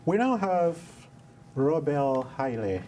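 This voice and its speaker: A man's voice: fairly high pitch, big pitch swings, slow, over loud music. A man hosting a TV interview, asking loose, rambling questions. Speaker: TV show host.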